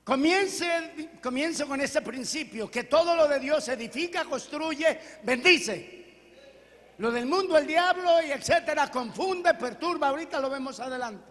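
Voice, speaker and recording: Male pastor, high voice, preaching with call-and-response, long hall reverb. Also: a bit bright. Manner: preaching with call-and-response questions and Bible reading. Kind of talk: sermon. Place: church hall.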